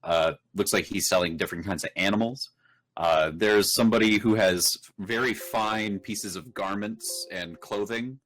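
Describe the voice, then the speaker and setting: A man narrating as game master of a tabletop game, describing scenes in an unhurried way with many fillers. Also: fairly low pitch, a bit bright, rough recording.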